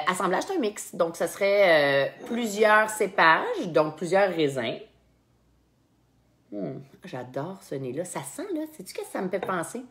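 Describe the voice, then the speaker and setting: A woman with a Québécois French accent hosting a wine tasting game in casual live chat, laughing often and repeating words while she thinks. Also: on the low side.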